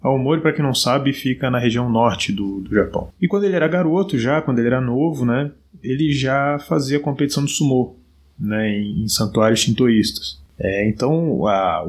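A man with a Brazilian Portuguese accent hosting a solo podcast, explaining at length in a relaxed way, with frequent fillers. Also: medium pitch, husky. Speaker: podcast host. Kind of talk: solo podcast talk on martial arts history.

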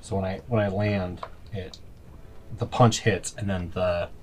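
A man's voice: deep voice, fairly even intonation, unhurried, a little mellow. A man chatting casually as a player in a tabletop role-playing game. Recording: clear background room noise.

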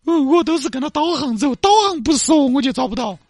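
A man voicing a whiny, self-pitying woman truck driver who is stranded on the highway in a comedy skit. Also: lively intonation, quick pace, darkish tone, no room sound, clean studio sound, soft background music. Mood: whiny, tearful. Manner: whiny, self-pitying wailing and dramatic complaints. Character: weepy, helpless woman trucker, middle-aged.

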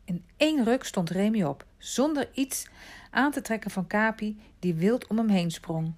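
A woman reading a children's novel aloud as an audiobook, calm and measured, dropping to a hush at quiet moments. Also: mid-range voice. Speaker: audiobook narrator. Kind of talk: scripted storybook narration.

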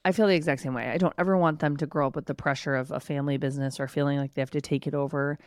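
A woman in her thirties chats on her home podcast with a low voice and a playful, teasing manner. The recording is dry and close, with no room sound. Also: racing, no room sound. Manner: playful teasing, animated imitations. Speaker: podcast co-host. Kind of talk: casual chat. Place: home basement studio.

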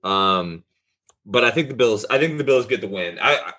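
A man co-hosting a casual sports talk show, energetic and enthusiastic, talking in long runs. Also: fairly low pitch, normal speed. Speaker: sports podcast co-host.

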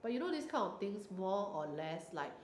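A woman's voice: medium pitch, big pitch swings, fairly quick. Young woman, Singaporean accent, exclamatory casual Singlish with bits of Mandarin. Roomy sound, faint noise. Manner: colloquial Singlish with particles and Mandarin words; blunt, exclamatory. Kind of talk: casual chat. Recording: roomy echo, light background noise.

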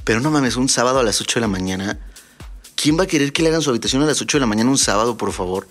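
A man with a Mexican accent, a DJ hosting a podcast, telling funny stories in a casual, animated way and swearing freely. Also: mid-range voice, racing, soft background music. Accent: Mexican Spanish. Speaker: DJ and podcast host. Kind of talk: casual comedic storytelling.

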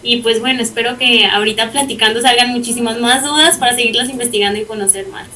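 A lively woman in her twenties with a Mexican accent introduces herself. Her voice is bright and fairly high. She sounds distant from the mic, with faint noise behind. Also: fast talker. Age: 20s. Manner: lively, laughs easily. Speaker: guest.

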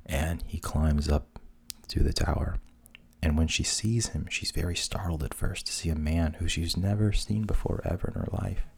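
A man retelling fairy tales in a hushed, half-whispered narration, with wry deadpan asides. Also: low voice, moderate pace, creaky, husky. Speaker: storyteller.

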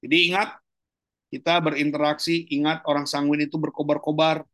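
A man speaks in a fairly high voice, loose and colloquial, a pastor teaching over a video call. His pitch leaps when he makes a point, and he laughs now and then. The sound is dry, with no room around it. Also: a little fast, dry recording. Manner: animated, colloquial, jumps high in pitch for emphasis and laughs often. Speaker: pastor giving a seminar. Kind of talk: casual teaching talk. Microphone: online video call.

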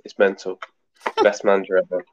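A man's voice: sits low, completely flat delivery, fairly quick, dull audio, a little hiss or hum. A man guest in casual chat, blunt and pessimistic, his voice echoey and distant as if in a cave. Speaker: podcast guest.

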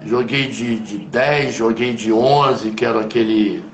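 A man with a Carioca accent, a former footballer, telling stories from his past in an interview, in an animated, slangy way full of asides. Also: mid-range voice, a little slow. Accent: Carioca Brazilian Portuguese. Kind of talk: conversational storytelling interview. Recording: roomy echo.

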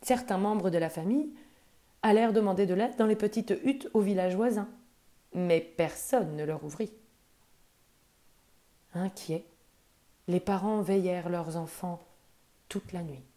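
Brief: woman storyteller, low and mellow, soft, gentle bedtime-story delivery. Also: measured pace, pauses often. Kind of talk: children's story reading.

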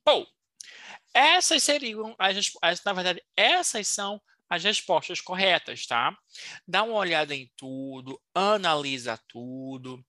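A woman teaches an online English lesson, playful and teasing but encouraging. Her voice is bright and forceful, sitting slightly low, and she slows down to model phrases clearly. The recording is close and dry, with no room sound. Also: lively intonation, no room sound.

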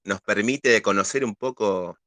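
A man's voice: fairly low pitch, unhurried, fairly bright tone, dry recording. An Argentine man with an Argentine Spanish accent, chatting casually in a playful, joking way. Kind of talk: casual chat.

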